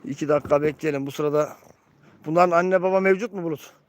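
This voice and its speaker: A man with a rather high, steady voice talks fast while hosting a casual live pigeon-auction stream, commentating, treating viewers as friends, and repeating key phrases.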